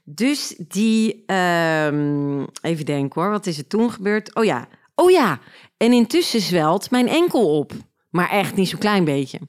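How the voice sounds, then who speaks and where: Low-voiced Flemish woman telling a story. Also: a little slow, smooth. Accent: Flemish Belgian. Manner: animated, sarcastic, laughs at own story. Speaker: podcast host. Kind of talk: casual storytelling.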